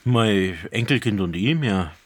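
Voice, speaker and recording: A man's voice: lowish voice, lively intonation, a little slow, no echo, clean studio sound, pitched above the performer's own voice. A man voicing a flustered grandfather inspector who grumbles sheepishly. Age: older. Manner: gruff, sheepish dialect grumbling. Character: flustered middle-aged male police inspector, grandfather.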